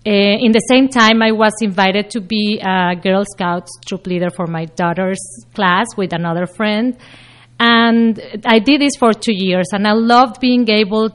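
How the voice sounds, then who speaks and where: A woman's voice: mid-range voice, a little slow. Earnest woman. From Mexico. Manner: earnest, fluent with some hesitations. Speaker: guest, nonprofit founder. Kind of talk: interview answers. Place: radio studio.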